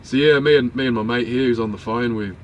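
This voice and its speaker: A man's voice: medium pitch, fairly even intonation, quick pace. A man with a broad New Zealand accent, chatting casually in a laid-back way with sweary slang. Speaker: truck driver. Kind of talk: casual banter. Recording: faint vehicle noise.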